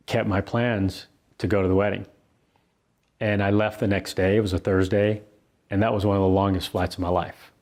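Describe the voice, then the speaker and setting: This is a middle-aged man with a low voice narrating his own book. He shares a personal story in an earnest, conversational manner, with thoughtful pauses along the way.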